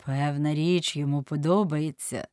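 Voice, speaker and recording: A woman reading aloud voices an ironic, cynical aristocrat who talks in a dry, mocking, unhurried way. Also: low voice, fairly even intonation, darkish tone, dry recording, natural voice. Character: suave ironic aristocratic man, amused and cynical.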